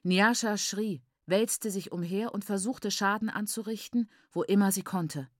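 A woman reads a novel aloud in a steady, measured voice of middle pitch. Her delivery is calm and even. The recording is dry, with no room sound. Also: dry recording. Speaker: audiobook narrator. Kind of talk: scripted narration.

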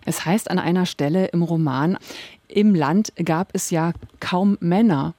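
A woman hosting a literary radio podcast, asking clear questions and reading announcements in a composed way. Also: lowish voice, a little slow, mellow, no room sound. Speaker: radio host.

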